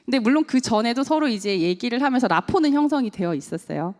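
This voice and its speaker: A woman coach addressing parents in a church hall, her voice swinging widely in pitch as she talks. She keeps turning questions to the audience, and the room rings with a long echo behind her. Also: quick pace. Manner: animated, asks the audience questions and acts out quotes. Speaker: parenting coach and school teacher. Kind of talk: seminar talk to parents.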